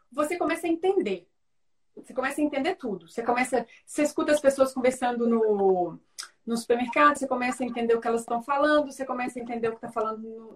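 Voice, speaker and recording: Speaking in a high voice, a Brazilian Portuguese–accented woman is a guest in a casual video-call interview, often restarting and adding tag questions. She is far from the microphone, with a little hiss or hum.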